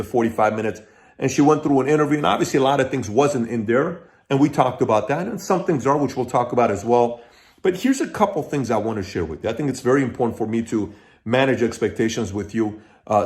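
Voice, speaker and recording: This middle-aged channel host from Iran has a medium-pitched, slightly mellow voice. His direct-to-camera commentary is emphatic and organized into lists of points, and he frequently starts over mid-thought.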